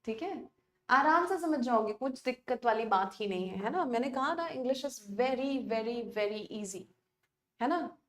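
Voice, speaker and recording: A woman's voice: a little high, expressive, measured pace, echoey room. A woman English teacher giving an online class lecture, mixing Hindi and English in a coaxing, chatty way.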